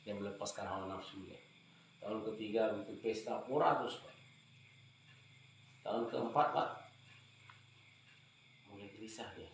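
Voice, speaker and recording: A man preaching and telling a parable with animated delivery, repeatedly addressing his listeners as "Pak". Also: fairly low pitch, normal speed, long pauses, a little hiss or hum. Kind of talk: religious talk with a told parable. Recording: very echoey hall, faint ambience.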